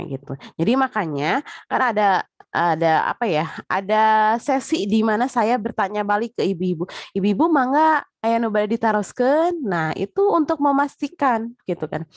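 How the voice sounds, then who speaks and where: A woman's voice: mid-range voice, animated, moderate pace, dry recording. Woman, casual lecture, chatty, dry sound. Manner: chatty, repeats filler tags, addresses listeners directly.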